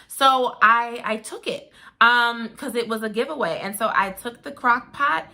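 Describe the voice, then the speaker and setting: Bright-voiced woman chatting emphatically. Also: fairly high pitch, a little slow, vocal fry. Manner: emphatic storytelling with folksy asides like "honey" and "baby". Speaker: co-host of a lifestyle show. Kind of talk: casual chat.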